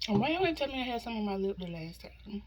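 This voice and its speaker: A woman with a mid-pitched voice talks casually to her viewers during a mukbang. She is informal and slangy, and often drops into soft, near-whispered asides. There is some background noise in the recording. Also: big pitch swings, quick pace. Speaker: mukbang host eating on camera. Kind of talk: casual mukbang chat to viewers while eating.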